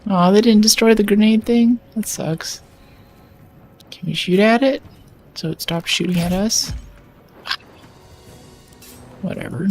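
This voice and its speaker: A woman's voice: mid-range voice, moderate pace, darkish tone, soft background music. A woman streamer talking casually through a video game, thinking aloud and chatty. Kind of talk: casual gameplay commentary.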